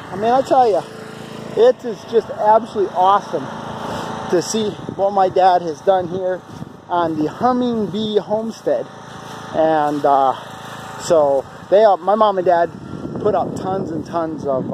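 A man's voice: high-pitched, noisy background. A man in his forties, recorded on a handheld camera at arm's length outdoors on a farm, talking casually and rambling with many fillers as he gives an enthusiastic walking tour. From upstate New York. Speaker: homestead vlogger.

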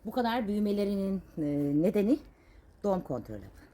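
A Turkish woman in her thirties talking casually while she works in her home garden, sharp-tongued and indignant, then chatty. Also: mid-range voice, very animated, fast. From Turkey. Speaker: vlogger.

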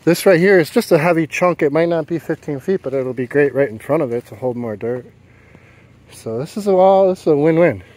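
This middle-aged homesteader and sailor narrates his outdoor vlog casually from the woods and a marina, explaining his work plainly as he thinks aloud while filming himself. His voice runs on the high side, expressive and brisk with a darkish tone, but the audio is poor and has music playing under it.

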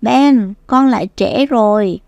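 Woman reading as a gentle, unhurried mother cat to a toddler. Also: a little high, creaky, no room sound, muffled recording. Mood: worried. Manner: gentle, instructive. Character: caring, patient mother cat giving advice. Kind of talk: children's storybook reading to a toddler.

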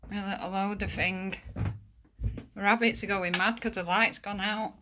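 A woman filming a casual ghost hunt on the stairs of her house, chatting and calling out loudly to spirits, recorded on a handheld phone. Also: mid-range voice, steady tone, moderate pace, a little hiss or hum. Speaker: amateur ghost hunter. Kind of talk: casual home ghost-hunting vlog.

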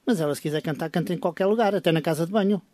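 A woman's voice: fairly low pitch, rapid-fire, warm tone, no echo, studio quality. A woman with a European Portuguese accent hosting a casual radio interview, coaxing and playful. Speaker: radio host.

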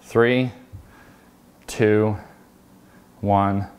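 A man's voice: on the low side, fairly even intonation, extremely slow, darkish tone. A man talking casually to camera in a vlog, hesitant and self-deprecating. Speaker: YouTuber.

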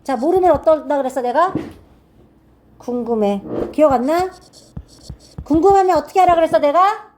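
A woman teaching English grammar to a classroom of students, firing quick check-in questions and reading example sentences slowly and deliberately. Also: sits high, darkish tone, a little hiss or hum. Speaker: English teacher at a cram school.

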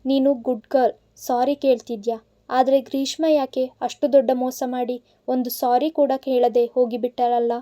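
A man's voice: very high-pitched, level tone, moderate pace, mellow. A woman voicing a drunk, heartbroken man in his twenties who rambles and pleads like a child. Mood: childlike. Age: 20s. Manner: rambling, sulky, innocent pleading. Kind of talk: audiobook character voice.

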